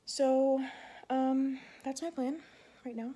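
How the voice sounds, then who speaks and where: A woman's voice: high-pitched, fairly even intonation, takes it slowly, mellow, slightly rough. Pregnant young woman, breathless vlog chat. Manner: rambling, many fillers like "like" and "um". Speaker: Air Force security forces member.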